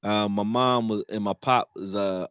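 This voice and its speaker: Philly dude on a football livestream, cussing, gets hyped then mumbles, dry close mic. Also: male voice, a little slow, clear, resonant tone, no echo. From Philadelphia, raised; born in Texas. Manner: loose and profane, swings between excited and low mumbling. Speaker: sports talk host. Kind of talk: casual live-stream sports talk.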